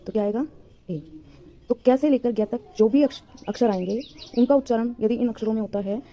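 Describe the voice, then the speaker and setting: A woman's voice: medium pitch, dark tone, highs cut off. A woman teacher giving a grammar lesson, patiently repeating points and answering her own questions.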